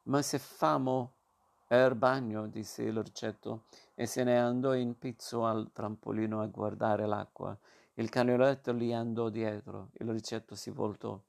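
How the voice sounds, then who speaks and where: A man reading a novel aloud as narrator, steady and measured. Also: lowish voice, gravelly.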